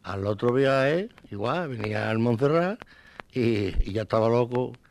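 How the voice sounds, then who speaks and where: An older man, a flamenco singer telling an old anecdote in a lively way, acting out the voices. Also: medium pitch, unhurried, slight background noise.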